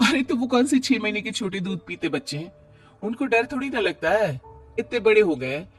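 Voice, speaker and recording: A man's voice: sits high, sing-song, moderate pace, a bit bright, soft background music, pitched above the performer's own voice. A man voicing a stubborn young wife in a cartoon story, insistent and lightly dismissive. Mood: defiant.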